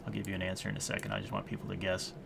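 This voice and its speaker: A man in his late thirties streams live while coding, muttering to himself, answering viewers, and chuckling often in casual chat. His voice is low and monotone with vocal fry, delivered rapid-fire over background noise.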